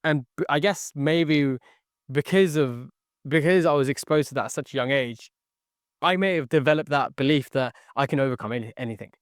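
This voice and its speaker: Brisk and on the high side, a young man's clean voice carries his earnest life story as a podcast guest, with repeated phrases and many "okay"s. He grew up in the Philippines after being born near London, his first language was Tagalog, and he works in sales as an entrepreneur. It's studio quality with no room sound.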